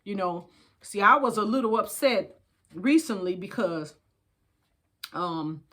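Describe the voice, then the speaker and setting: Taking it slowly, she speaks at a medium pitch with an expressive, fairly bright voice. This older storytime host with an American accent mixes casual talk with a book read-aloud, folksy and emphatic, calling her audience babies and repeating phrases.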